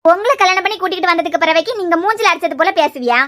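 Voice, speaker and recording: A woman voicing a resentful young woman in a cartoon series, speaking in a sharp, scornful way with a Kanyakumari Tamil accent. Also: very high voice, animated, rapid-fire, heavily acted.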